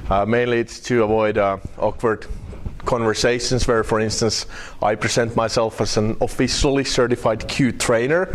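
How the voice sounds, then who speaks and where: A man from Finland with a Finnish accent, giving a technical conference talk with slides, wry and halting, with many fillers and restarts. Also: lowish voice, slight background noise. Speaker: conference speaker.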